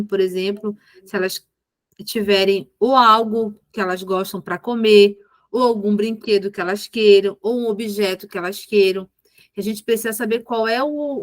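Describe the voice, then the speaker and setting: A woman's voice: a little high, no room sound. A woman, a mentor patiently explaining behavior management with examples. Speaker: ABA mentor.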